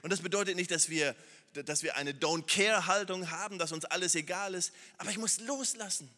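A man preaching, his voice bright and a little high, in a large hall with a long reverb tail. He swings between urgent, raised appeals to the listeners and quiet, hushed passages of prayer. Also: brisk. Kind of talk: sermon.

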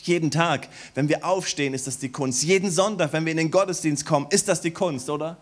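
A middle-aged man preaching a sermon to his congregation in a warm church hall, dropping to soft, low stretches and rising to loud, high exclamations. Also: brisk. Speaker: pastor.

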